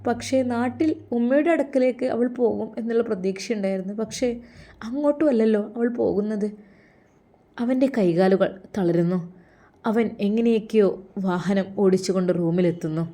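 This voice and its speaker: Woman, emotive dramatic narration, dark warm voice, mid pitch. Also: normal speed. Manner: emotive, earnest. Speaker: storyteller.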